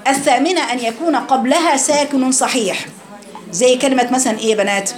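A woman with an Egyptian accent teaching Quran recitation to a class, quizzing her students and modelling words slowly. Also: sits high. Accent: Egyptian Arabic. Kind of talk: classroom lesson. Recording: crowd noise behind.

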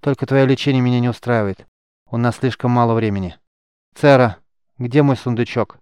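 A man's voice: mid-range voice, fairly even intonation, normal speed, a little mellow, smooth, no room sound, close to an everyday voice. A man voicing a stubborn, hot-tempered young mage who is badly wounded and talks in a strained, urgent way.

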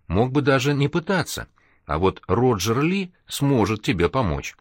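A man's voice: medium pitch, very animated, normal speed, no room sound, studio quality, pitched above the performer's own voice. Man voicing a caring, encouraging young woman. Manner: soothing, encouraging. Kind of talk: audiobook character reading.

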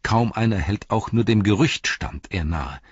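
A man's voice: fairly low pitch, animated, breathy edge, no echo, pitched above the performer's own voice. A man doing an urgent, alarmed messenger. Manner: hurried, raised and pressing. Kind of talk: audiobook character reading. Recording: dull, slightly lo-fi dry recording.

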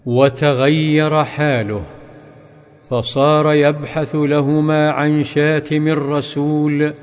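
A man narrating a story dramatically, in a slow, sing-song, chanting delivery. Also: on the high side, flat delivery. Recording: long reverb with faint background music.

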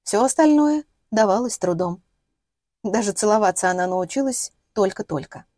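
A woman narrates a novel in a steady, measured storytelling voice. Her tone is mellow and warm, and the recording is close and dry with no room sound. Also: mid-range voice, no echo. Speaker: audiobook narrator. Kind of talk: scripted narration.

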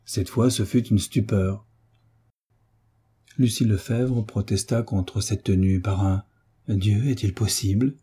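A man reads a classic novel aloud as an audiobook narrator, raising his voice when the characters speak. His tone is very dark and mellow, a little husky, and sits on the low side. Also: steady tone, slow, long pauses. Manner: lifts his voice for the characters' lines.

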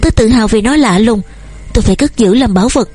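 Woman putting on a high sweet voice, shy gentle young painter girl, soft and playful, audiobook romance. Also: fast, husky. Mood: tender.

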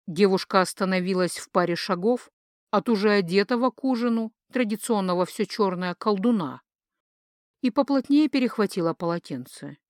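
Brief: female audiobook narrator, lively expressive read, middle pitch, dry close recording. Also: dry recording. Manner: expressive, lively storytelling intonation. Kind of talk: scripted narration.

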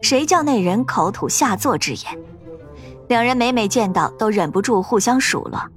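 A woman narrating a fantasy ghost story in an expressive, dramatic storytelling manner. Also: on the high side, moderate pace, faint music behind.

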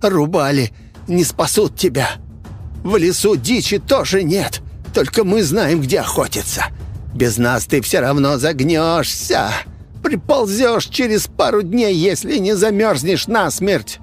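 A man voicing a bitter, stubborn innkeeper who shouts in anger and whose voice cracks high. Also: expressive, unhurried, soft background music, close to an everyday voice. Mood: desperate. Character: furious desperate male innkeeper, bitter and stubborn. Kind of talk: audiobook character voice.

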